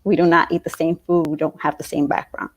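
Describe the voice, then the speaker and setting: A woman in her late twenties from New York City, talking in a casual interview about her school days, thoughtful, with frequent fillers and soft laughs. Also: deep voice, level tone, fast. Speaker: interview guest, alumna.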